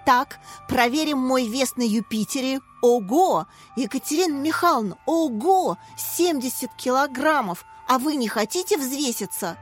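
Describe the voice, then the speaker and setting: A woman voicing a loud, lively little schoolboy who keeps shouting. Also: high voice, moderate pace, few pauses, soft background music, pitched above the performer's own voice. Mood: excited. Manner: shouting, excited.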